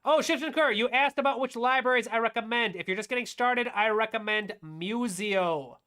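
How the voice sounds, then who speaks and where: A woman's voice: on the high side, normal speed, fairly bright tone. Woman explaining synth sounds step by step. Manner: explanatory, walks through steps as she demonstrates; asks and answers her own questions. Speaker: composer and music teacher. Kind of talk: live-streamed music production tutorial.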